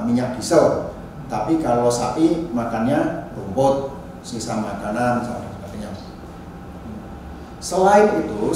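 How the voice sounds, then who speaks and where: A university anthropology lecturer, heard from a distance in a very echoey room with clear background noise, explains ideas informally and deliberately. His voice sits at an average pitch with a dark tone, and he punctuates phrases with short check-in tags.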